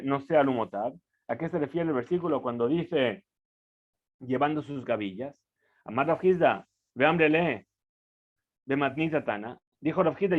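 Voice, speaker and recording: A man teaching a Talmud lesson, reading phrases aloud and then explaining them, with frequent restarts and rhetorical questions. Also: on the high side. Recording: phone-like narrow audio.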